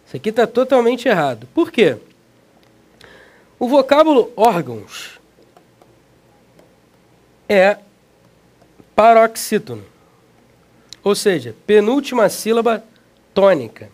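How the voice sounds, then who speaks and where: A man with a Brazilian Portuguese accent teaching an energetic exam-prep video lesson, slangy and emphatic, talking straight to the student. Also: sits high, slow, pauses often.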